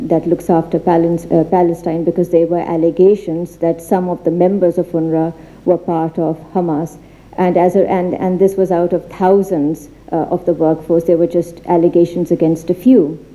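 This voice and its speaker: Woman seminar speaker, low and very dark voice, earnest, hesitant delivery with many restarts. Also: poor audio. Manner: earnest, halting with frequent fillers and restarts. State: becoming emotional. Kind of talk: formal seminar talk with slides. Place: institute library.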